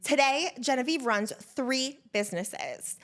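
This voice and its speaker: Woman host, fairly high voice, effusive and gushing, lots of fillers; interview podcast. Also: lively intonation, a little slow, a bit bright. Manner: effusive, enthusiastic, many fillers.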